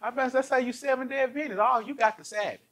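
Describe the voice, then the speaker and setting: A pastor preaches to his church in a high, bright voice. He is animated and keeps throwing rhetorical questions at the room. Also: fast. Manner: animated, asks the congregation many rhetorical questions. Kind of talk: lively sermon.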